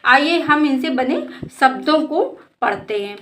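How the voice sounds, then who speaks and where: A woman teaching a children's lesson, stretching out each word slowly in patient pronunciation drills and addressing the listener as a child. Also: high-pitched, expressive, pushed and bright, slight background noise. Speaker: Hindi teacher.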